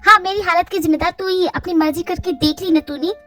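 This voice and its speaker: A woman's voice: very high-pitched, fairly even intonation, quick pace, bright, forceful tone, soft background music. A woman voicing a strict middle-aged mother who is ill and scolds her daughter. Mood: scolding. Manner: scolding, insistent.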